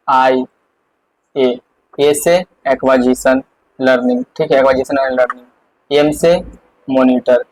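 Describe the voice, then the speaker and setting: A man's voice: mid-range voice, poor audio. A male teacher giving an exam-prep lesson, explaining step by step and repeating the key points with frequent fillers.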